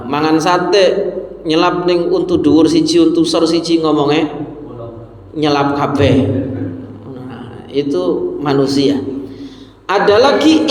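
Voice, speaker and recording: A man giving a humorous Quran commentary lecture in a mosque, joking and mixing in local words. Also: high-pitched. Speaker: preacher. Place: mosque hall. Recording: echoey mosque hall with long reverb.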